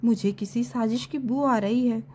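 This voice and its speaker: Woman voicing a young girl student, brisk and teasing, high voice, storybook reading. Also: fairly even intonation, darkish tone, slight background noise, lightly acted.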